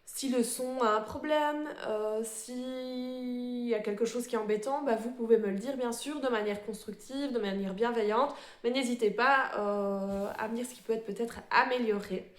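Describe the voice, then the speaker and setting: A woman with a slightly high voice chats through her embroidery projects in a casual show-and-tell. She hesitates often, restarting phrases and filling pauses, and sounds a little nervous. The room around her is echoey. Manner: hesitant, many fillers and restarts; self-described fast talker, a bit nervous. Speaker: cross-stitch vlogger.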